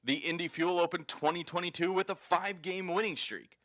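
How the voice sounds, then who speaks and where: Male sports host, scripted highlight recaps, slightly high pitch, bright forceful delivery. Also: fairly even intonation, brisk.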